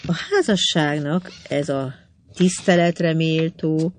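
A man's voice: fairly high pitch, fairly even intonation, a little hiss or hum, natural voice. A reader voicing a talkative teasing American man. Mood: chatty. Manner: chatty, teasing, grumbling. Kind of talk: audiobook dialogue reading.

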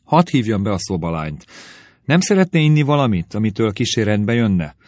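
Guy reading a polite concerned gentleman, low voice, dry close mic. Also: sing-song, no echo. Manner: earnest, courteous tone. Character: reserved young gentleman, courteous and concerned.

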